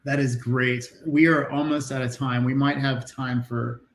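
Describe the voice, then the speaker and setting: A man hosting a webinar Q&A over a video call, asking questions in a friendly, slightly halting way. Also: medium pitch, little pitch movement, roomy sound, slight background noise. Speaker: webinar host.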